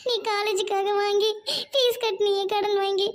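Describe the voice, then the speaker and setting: A woman's voice: extremely high pitch, level tone, normal speed. A young woman playing a college girl in love, pleading tearfully with her mother. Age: young adult. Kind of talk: amateur audio drama.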